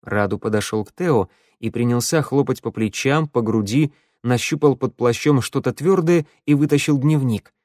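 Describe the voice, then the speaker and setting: A male audiobook narrator reading in a steady, even storytelling voice. He sits close to the microphone. The sound is dry, with no room echo. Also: medium pitch, normal speed, hardly any pauses. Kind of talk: scripted narration.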